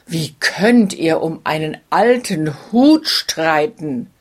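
A woman's voice: mid-range voice, expressive, a little slow. A woman reading as a fearless young hero. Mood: determined. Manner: earnest, indignant. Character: bold fearless young man.

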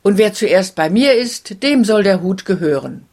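A woman voicing a fearless young man in a fairy tale, earnest and indignant, in a slow breathy voice. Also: medium pitch, animated, darkish tone. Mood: determined.

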